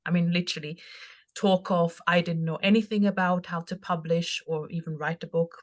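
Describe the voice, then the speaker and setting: A woman from Austria with an Austrian accent, a podcast guest telling her story in an animated, chatty way with frequent laughs. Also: on the low side, moderate pace. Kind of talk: casual interview chat.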